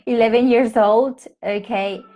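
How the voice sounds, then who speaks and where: Her voice on the high side and slightly mellow, a thirtysomething woman from Peru speaks a little slowly in a steady tone. Streaming live from home to English teachers on a laptop or phone mic, she talks casually in Peruvian-accented English, constantly restarting and using fillers.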